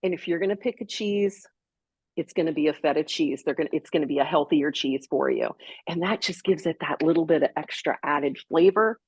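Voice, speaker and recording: Her voice sits low and has a breathy edge, and she speaks briskly with no echo. She's co-hosting a health show, casually chatting and explaining the steps as she prepares a salad.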